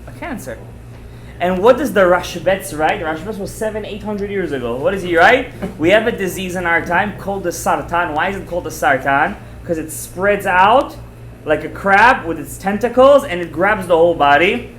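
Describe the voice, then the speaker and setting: A man teaching a Torah class as a rabbi, animated and emphatic, repeating phrases, asking rhetorical questions and dropping in Hebrew terms. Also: high voice, moderate pace, reverberant, a little hiss or hum. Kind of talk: animated religious lecture to students.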